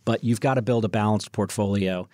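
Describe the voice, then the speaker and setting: A man's voice: lowish voice, a little fast, darkish tone, no room sound, clean studio sound. A man hosting a financial talk show, speaking off the cuff and addressing listeners directly and emphatically. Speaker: financial radio show host. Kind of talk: unscripted advisory sales talk.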